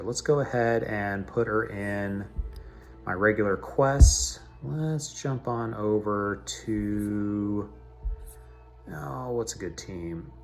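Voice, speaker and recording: Man, gameplay commentator, chatty and low-pitched, recorded with heavy echo in a large cavernous room. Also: gravelly. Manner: chatty, talks himself through menus. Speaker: mobile game video host.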